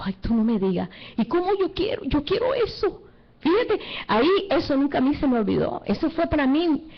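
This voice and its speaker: A woman's voice: fairly high pitch, lo-fi sound. A middle-aged woman preacher giving an emotional testimony in a sermon, acting out the voices of the people she quotes.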